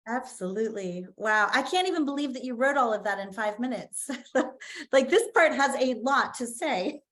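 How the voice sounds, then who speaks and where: A woman's voice: a little high, expressive, moderate pace, fairly bright tone. A woman facilitating an online writing workshop on a video call, enthusiastic and laughing often.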